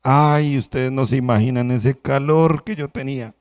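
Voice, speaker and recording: A man's voice: medium pitch, moderate pace, darkish tone, natural voice. A man preaching a sermon who voices a female clay cup that begs its maker to stop hurting it. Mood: complaining. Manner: pleading, complaining, breathless begging. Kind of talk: sermon storytelling. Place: church.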